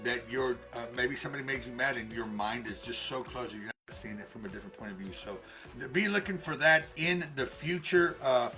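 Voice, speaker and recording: Over music, a man with a medium-pitched voice speaks fairly quickly as co-host of a casual live stream. He is a life coach who rambles in a friendly way, full of fillers and restarts.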